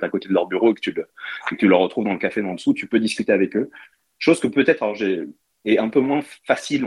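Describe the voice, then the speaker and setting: French guy rattling off fast, low husky voice, chatty with lots of restarts, dry close sound. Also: no room sound. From France. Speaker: startup co-founder and CTO, guest. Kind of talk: casual interview talk. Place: London.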